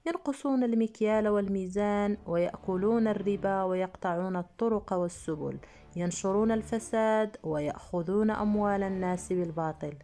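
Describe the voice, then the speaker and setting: A woman's voice: medium pitch, mellow. A woman storyteller giving scripted narration of a religious story, in a solemn and formal manner.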